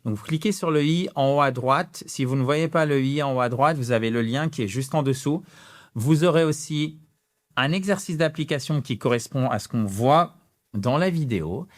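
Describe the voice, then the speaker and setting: A man with a French accent teaching English phrases in an animated online lesson, gesturing and stretching out example sentences with rising intonation. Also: medium pitch, moderate pace.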